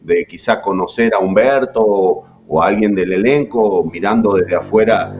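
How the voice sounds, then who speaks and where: In a relaxed interview, a voice actor guest in his forties, from Jujuy, Argentina, tells stories chattily with many fillers and an Argentine accent. His voice is on the low side at a normal speed, with the highs cut off and a noisy background.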